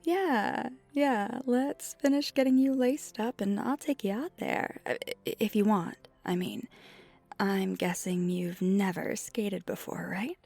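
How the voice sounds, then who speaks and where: At medium pitch and a slow pace, a woman voices a flirty, friendly female vampire teaching ice skating in a one-sided ASMR roleplay. She sounds shy and friendly, speaking softly and reassuringly, often in a breathy near-whisper, over background music.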